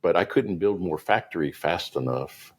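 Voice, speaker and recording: A man's voice: low-pitched, normal speed. A middle-aged man, a guest entrepreneur, telling his business story in casual conversation and voicing the people in it. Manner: animated, voices the people in his stories.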